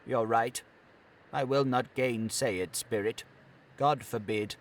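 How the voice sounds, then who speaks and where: An audiobook narrator voicing an old male miser who exclaims with excitement and fondness. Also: medium pitch, takes it slowly. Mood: earnest. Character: old male miser, reliving his youth. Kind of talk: audiobook character voice.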